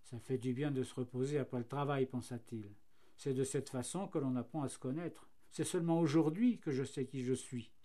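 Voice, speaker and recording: A man's voice: mid-range voice, fairly quick, dark tone, lightly acted. A man voicing a cheerful, self-satisfied flax plant that becomes linen and then paper, marvelling at its fortune. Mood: content.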